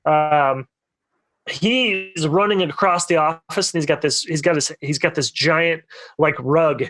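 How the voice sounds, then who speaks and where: On a relaxed podcast he co-hosts, a young man rambles through a lengthy, filler-heavy story for his friends. His voice is on the high side and fairly bright, his pace a little slow, and the audio has no echo.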